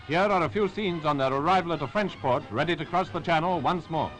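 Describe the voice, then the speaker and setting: High-pitched 1940s British newsreel man. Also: fairly quick, a bit bright, poor audio. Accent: British Received Pronunciation. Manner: rousing, patriotic, formal delivery. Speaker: newsreel narrator. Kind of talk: 1940s newsreel scripted narration. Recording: 1940s newsreel with music behind. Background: music.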